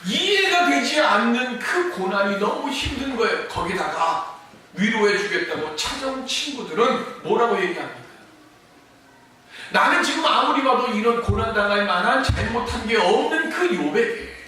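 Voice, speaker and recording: A man delivering a Sunday sermon with a high, bright voice that leaps up and down in pitch. He swings between forceful emphasis and near-hushed passages. The room is very echoey, and he sounds a little distant from the mic. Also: lively intonation, normal speed, slight background noise. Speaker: pastor. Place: church sanctuary.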